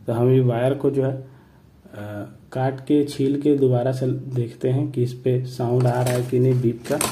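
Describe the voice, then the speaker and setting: A man explaining a repair step by step in a plain tutorial manner, often pausing to check in with viewers. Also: medium pitch, mellow. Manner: plain explanatory, repeats "ठीक है" and "दोस्तों".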